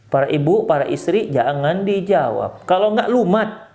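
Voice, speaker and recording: A male Islamic preacher from Indonesia with a Medan accent, giving a sermon in a mosque. He talks in an animated way, climbing sharply for emphasis and then dropping low and soft. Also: moderate pace. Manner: animated, rises sharply in pitch for emphasis, drops low and soft when counselling.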